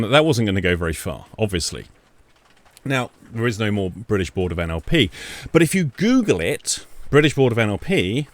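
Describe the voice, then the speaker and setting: A man's voice: lowish voice, no room sound. A man recording in an attic, giving an informal, sardonic monologue to an online audience with pointed repetition. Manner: sardonic, with rhetorical questions and deliberate repetition. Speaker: video commentator exposing false claims.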